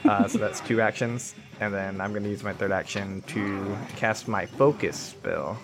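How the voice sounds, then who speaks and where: A man playing a tabletop game, describing his character's moves in a relaxed, hesitant way. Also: on the low side, normal speed, over music. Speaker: player.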